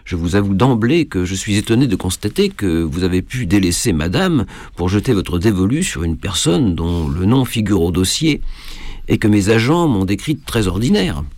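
A man reading aloud as a pompous divorce judge with an oily, ingratiating manner, hemming over delicate questions. The low voice moves animatedly through its phrases. The sound is dry and close. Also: big pitch swings, normal speed, darkish tone, no echo. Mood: probing. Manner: unctuous, hesitant with fillers. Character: pompous, prying middle-aged male divorce judge. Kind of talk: storybook reading.

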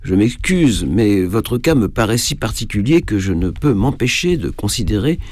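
A man's voice: fairly low pitch, big pitch swings, moderate pace, darkish tone, dry recording, clean studio sound. A man voicing a pompous, prying middle-aged judge who speaks unctuously and stumbles over awkward questions. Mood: probing. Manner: unctuous, hesitant with fillers. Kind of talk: storybook reading.

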